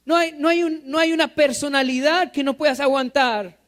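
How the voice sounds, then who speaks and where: A man's voice: very high-pitched, steady tone, moderate pace, a bit bright. A male pastor preaching a sermon in church. He quizzes the congregation with rhetorical questions and repeats key phrases for emphasis.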